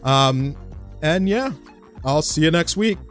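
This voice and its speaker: A man's voice: fairly high pitch, expressive, slow, fairly bright tone, faint music behind. A young man hosting a solo podcast, talking in a loose, chatty way with plenty of fillers and restarts. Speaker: podcast host. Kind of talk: casual solo podcast talk.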